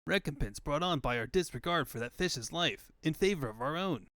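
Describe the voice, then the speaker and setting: A man's voice: a little high, lively intonation, normal speed, a bit bright, no echo, clean studio sound. Man voicing Sonic, a cocky young hedgehog. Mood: resigned. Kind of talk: comic book fandub.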